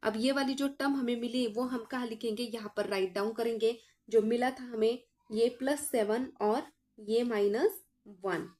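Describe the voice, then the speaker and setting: A woman teacher with a fairly high voice works through a math lesson one step at a time. She keeps asking her students what comes next and answers right away, in a patient, explaining tone. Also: fairly even intonation, moderate pace, a little mellow. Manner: explains aloud, asks the class questions and answers them herself; addresses students as children.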